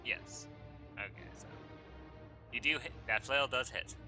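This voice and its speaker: A man's voice: mid-range voice, measured pace. A man acting as game master, calling out hits and turns in an easygoing way with a chuckle here and there. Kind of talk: running a tabletop game. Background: background music.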